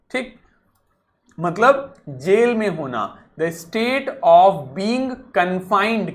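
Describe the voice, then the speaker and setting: A man's voice: high voice, a bit bright. A male teacher giving a vocabulary lesson, who repeats key words and keeps asking the class rhetorical questions.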